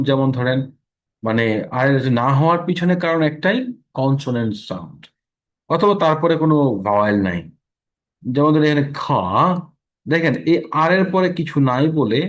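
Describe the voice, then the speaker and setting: A man with a Bangladeshi accent teaching English pronunciation in an online lesson, slowly explaining rules and repeating example words. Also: fairly high pitch, animated.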